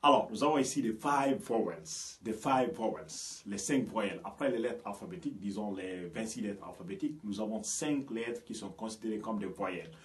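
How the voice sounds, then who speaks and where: A man from Guinea, an English teacher, giving a language lesson and often checking "ok?" with his listeners. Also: fairly low pitch. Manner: explains slowly, often checks with "ok?" and "you understand me?". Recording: echoey room, voice from a distance.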